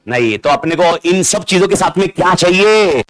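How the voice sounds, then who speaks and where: A middle-aged man teaching a live classroom lecture that is also streamed online. He talks in an animated, teasing way, repeats key words and fires questions at the class over a classroom mic. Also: sits high, moderate pace, soft background music. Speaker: accounting exam lecturer. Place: classroom with students present. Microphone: amplified classroom mic.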